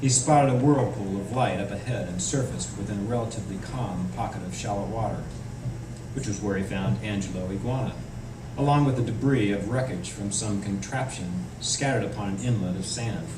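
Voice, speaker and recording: A man with a voice on the low side reads fairly quickly from his own novel, narrating prose at a live indoor event. It was recorded from a distance in a room that is echoey and noisy.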